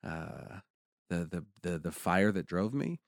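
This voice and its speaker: In casual conversation, a man with a very low, deep voice tells a personal story slowly but animatedly, rising into excited peaks. The recording is dry and close-miked, with no room sound.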